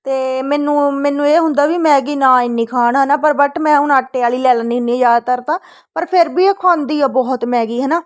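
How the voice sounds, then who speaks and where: A woman's voice: high voice, fairly even intonation, a little fast. A woman from Punjab in her thirties, a mother chatting casually to her family vlog audience and often tagging "isn't it" onto her sentences. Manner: chatty, keeps adding "isn't it" tags.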